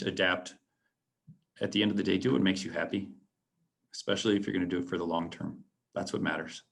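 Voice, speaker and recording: A man in his late forties giving a reflective talk to students as an alumnus, earnest and halting, with many ums and restarts. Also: low-pitched, gravelly, fairly bright tone. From San Antonio, Texas. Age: late 40s. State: a little choked up. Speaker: alumnus guest speaker. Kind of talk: presentation to students.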